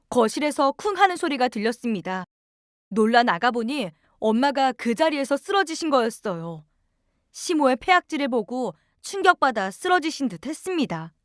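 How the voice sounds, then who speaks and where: A woman's voice: fairly high pitch, no room sound, studio quality. A woman reading a scripted first-person story in an earnest, sorrowful way. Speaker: storyteller narrator.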